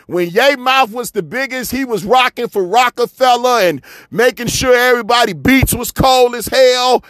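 A man's voice: extremely high pitch, sharp tone, smooth, dry recording. A man from Chicago delivering a fiery, repetitive, preachy monologue rant, often swearing as he hammers his points home. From Chicago, USA. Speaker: commentator.

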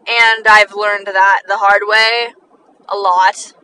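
Chatty teenage girl, bright voice. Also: mid-range voice, little pitch movement, recorded from a distance, slight background noise, poor audio. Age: teens, sixteen. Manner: chatty, many likes, quick laughs, self-deprecating. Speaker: podcast host. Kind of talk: rambling casual monologue.

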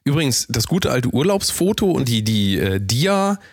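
A man's voice: mid-range voice, very animated, moderate pace, breathy edge, dry recording, studio quality. A man co-hosting a podcast in joking, casual chat, with playful mock-announcer flourishes. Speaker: podcast co-host.

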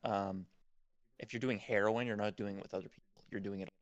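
A man works through his ideas in relaxed, meandering sentences, often stopping to restart. His voice is on the low side. The recording is dry and close. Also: brisk, no echo, muffled recording. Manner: explains in long hedged sentences with many likes and restarts. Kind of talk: casual chat.

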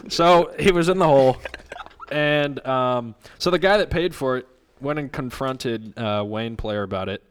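A man hosts a casual podcast and tells gossip in a loose, easygoing way. His voice is smooth and clear at a mid pitch. He swears freely as he goes. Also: a little slow. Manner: laid-back gossipy storytelling with cursing. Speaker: podcast host.

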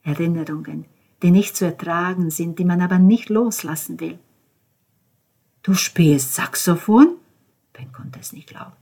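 A woman narrating an audiobook in a calm, measured reading voice. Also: fairly low pitch, gravelly. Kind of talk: scripted narration.

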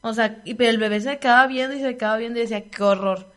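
A woman's voice: on the high side, steady tone, very fast, a bit bright. Slangy young Mexican woman storyteller. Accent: Mexican Spanish. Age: young adult. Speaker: podcast co-host. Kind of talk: casual chat.

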